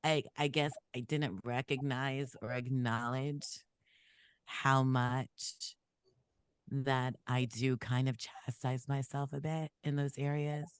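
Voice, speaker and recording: A woman with the flu, speaking in a low sick voice, earnestly sharing her reflections with a group on a video call. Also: fairly even intonation, slow, clean tone, dry recording. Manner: earnest, reflective, self-deprecating. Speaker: meditation group participant.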